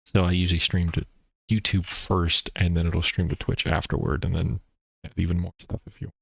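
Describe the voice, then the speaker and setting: A man streaming a video game, talking in a rambling, casual way with a deep voice and explaining things between plays. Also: little pitch movement, a little fast, gravelly, husky. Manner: rambling, explains while playing, many fillers. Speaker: gaming streamer. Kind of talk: casual gameplay chat. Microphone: streaming microphone.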